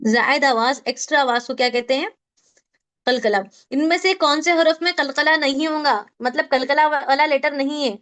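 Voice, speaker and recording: A woman teaching an online Tajweed class, drilling letter sounds slowly and quizzing her students. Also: high-pitched, steady tone, fairly bright tone. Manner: asks the class questions and answers them.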